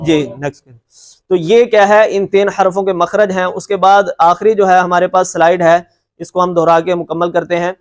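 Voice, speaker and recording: A man's voice: high-pitched, fairly even intonation. A man teaching Quran recitation in a lecture, patiently repeating points and stretching out letter sounds to demonstrate them, with a reassuring tone. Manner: reassuring and encouraging. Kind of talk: classroom lecture with slides.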